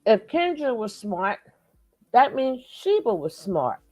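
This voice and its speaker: A woman's voice: on the high side, very animated, slow pace, darkish tone, dry recording, rough recording. A woman hosting a live reaction stream, talking emphatically and repeating her points like a lecture. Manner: emphatic, preachy, repeats phrases for effect. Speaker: commentary host.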